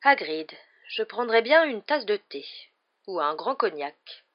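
A woman voicing a calm old male headmaster who speaks with gentle amusement. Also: medium pitch, unhurried, highs cut off. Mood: amused.

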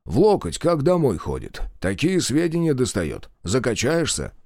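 A man voicing an exasperated, gruff partisan commander who scolds loudly, in an audiobook reading. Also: mid-range voice, wildly swooping pitch, moderate pace, dry recording, clean studio sound, pitched above the performer's own voice. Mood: scolding. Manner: scolding, loud, raised.

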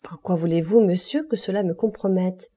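A woman's voice: fairly low pitch, moderate pace, dark tone, breathy edge. A woman reading the lines of an eager, courteous young male ship's mate in an audiobook. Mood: earnest.

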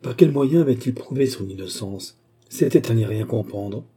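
A man narrating a classic novel as an audiobook in a steady, dramatic storytelling manner. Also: mid-range voice, moderate pace, husky. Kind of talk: scripted narration.

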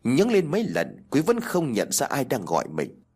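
A man with a husky voice, narrating a ghost story in an expressive, measured way. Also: medium pitch.

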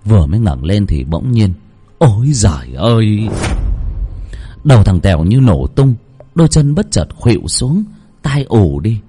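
A man narrating a ghost story in an expressive, suspenseful way. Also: lowish voice, moderate pace, husky. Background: soft background music.

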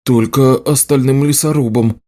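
A man reading aloud and voicing a burly young woodcutter who growls and shouts defensively. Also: mid-range voice, steady tone, normal speed, lightly acted. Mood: angry.

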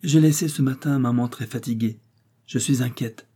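A man's voice: medium pitch, normal speed, warm tone, husky, close to an everyday voice. A man reading aloud and voicing an anxious, devoted young woman student who speaks in urgent, fretful pleas. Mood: worried.

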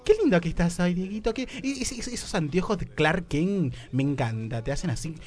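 A man's voice: on the high side, expressive, brisk, a crowd in the background. A man with an Argentine accent hosting a comic radio talk show in a flamboyant, camp, theatrical manner. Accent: Argentine Spanish. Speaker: radio host.

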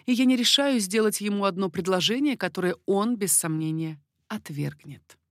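A woman's voice: mid-range voice, normal speed, dry recording, clean studio sound, lightly acted. A woman reading an audiobook, voicing a proud, impassioned young queen who speaks urgently and commands. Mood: probing.

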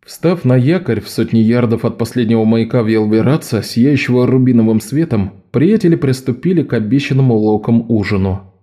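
A man narrating a novel as an audiobook, in a measured, even storytelling manner. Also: medium pitch.

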